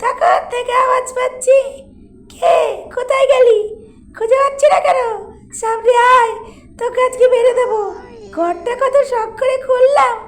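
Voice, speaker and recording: A woman voicing a cranky, threatening old granny with a cracked, broken voice, shouting and half-crying her lines in a comic horror game. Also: very high-pitched, moderate pace, faint music behind, pitched above the performer's own voice. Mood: angry searching.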